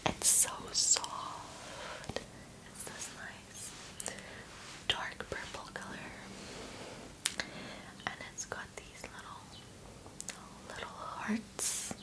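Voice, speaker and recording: A woman doing a whispered role-play as a spa massage host, speaking in a soft, soothing, gentle whisper. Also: extremely slow, long pauses, poor audio.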